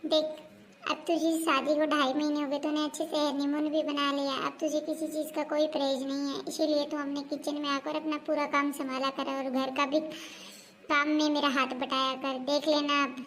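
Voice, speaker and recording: A woman's voice: sits high, little pitch movement, normal speed, a bit bright, slight background noise. A woman voicing an assertive elder daughter-in-law who argues insistently for equal rules in a comedic family skit. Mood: stern. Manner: argumentative, insistent.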